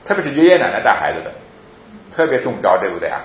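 A man giving a lively sermon-style talk on parenting, laughing often and acting out children as he goes. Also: fairly low pitch, racing. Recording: very echoey, dull lo-fi with faint noise.

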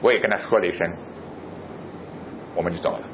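Middle aged guy preaching, tells a story and acts out the back and forth, voice jumps up loud at times, kinda muffled with a low rumble. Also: fast talker. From Guangzhou area of southern China. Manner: animated storytelling, acting out both sides of dialogue; emphatic, sudden jumps in pitch and loudness. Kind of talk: sermon with a personal anecdote.

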